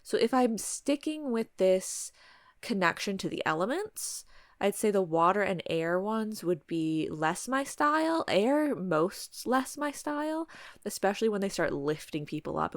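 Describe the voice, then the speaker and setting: Creaky-voiced woman, halting casual podcast chat. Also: medium pitch, expressive, dry recording, clean studio sound. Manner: halting, choosing words carefully and talking around them. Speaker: podcast host. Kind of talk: casual podcast chat during a word game.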